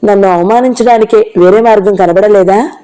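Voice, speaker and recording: A reader voicing a jealous, domineering husband who speaks irritably in an audio novel. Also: female voice, mid-range voice, moderate pace, warm tone, close to an everyday voice, poor audio. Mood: irritated. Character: jealous controlling husband Raghu.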